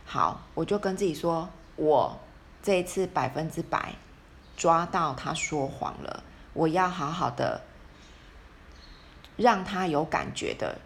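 A woman's voice: low-pitched, measured pace, long pauses, slight background noise. A mother telling a parenting story in casual conversation, acting out quoted dialogue and often restarting her sentences. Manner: retells scenes with quoted dialogue, frequent restarts. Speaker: mother sharing parenting experience.

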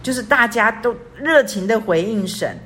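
A woman's voice: on the high side, lively intonation, moderate pace, a bit bright, a little hiss or hum. A woman in her sixties giving an earnest devotional talk, repeating phrases and pleading in prayer. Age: 60s. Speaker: church speaker. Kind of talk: devotional teaching.

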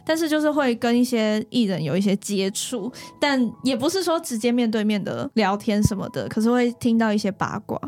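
A young woman with a Taiwanese Mandarin accent hosting a podcast, quick and playful with lots of short backchannel replies. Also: a little high, very animated, a little mellow, faint music behind. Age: 20s. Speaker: podcast host, campus radio DJ. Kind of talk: casual podcast chat.

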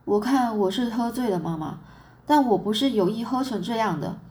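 A woman's voice: fairly high pitch, moderate pace, mellow, close to an everyday voice. A woman voicing a sheepish young farm boy, pleading and defending himself.

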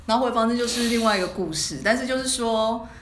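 A woman co-hosting a podcast, telling a story in a casual chat and acting out friends' lines in a lowered voice. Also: fast talker, fairly bright tone, a little hiss or hum. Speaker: podcast co-host. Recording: echoey room.

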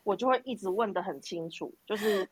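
A woman's voice: medium pitch, brisk, husky, no echo. A woman with a Taiwanese Mandarin accent telling anecdotes in casual chat, quoting bits of dialogue as she goes.

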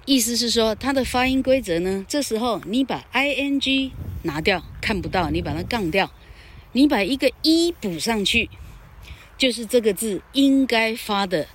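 A woman's voice: fairly high pitch, animated, normal speed, a little hiss or hum. A woman giving a casual English grammar lesson, chatty and full of tag particles. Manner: chatty, frequent "ha" tag particles, calls herself 老客.

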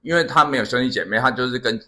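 A man's voice: mid-range voice, rapid-fire, pushed and bright. A man co-hosting a casual chat, telling stories with lots of fillers and restarts. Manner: storytelling, many fillers and restarts. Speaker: podcast co-host.

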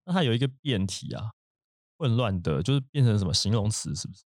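A man's voice: lowish voice, sing-song, quick pace, darkish tone, dry recording, studio quality. A man hosting an English vocabulary lesson, explaining at length with fillers and asides. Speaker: podcast host.

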